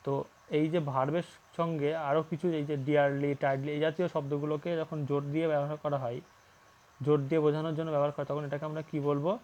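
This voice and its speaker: A fairly high-voiced man is teaching English grammar. He reads each English sentence out deliberately and then walks the class through it with patient rhetorical questions. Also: flat delivery, darkish tone. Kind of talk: English grammar lesson in Bengali.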